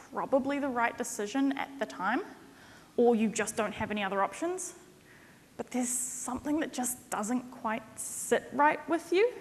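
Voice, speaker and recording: A young woman giving a conference keynote as a consultant, conversational and jokey, speaking at a lectern on a stage. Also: fairly high pitch. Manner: conversational and jokey, lively emphasis. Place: conference stage in a large hall. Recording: reverberant hall sound.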